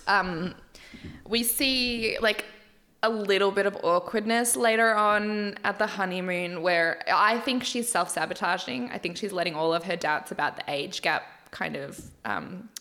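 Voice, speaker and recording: A young woman chats her way slowly through a recap on her podcast, unhurried and a bit worn out. She is candid and laughs easily, and she drops swear words without a second thought. Her pitch sits right in the middle. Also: fairly bright tone. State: tired. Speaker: podcast host recapping a dating show. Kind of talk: casual chatty recap.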